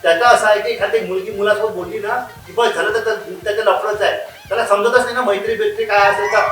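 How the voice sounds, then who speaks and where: A man's voice: high voice, fairly even intonation, fast, fairly bright tone. An actor playing a worried middle-aged father who speaks in an earnest, pleading way. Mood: defensive. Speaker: father of the bride. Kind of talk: web series acting. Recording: guitar music underneath.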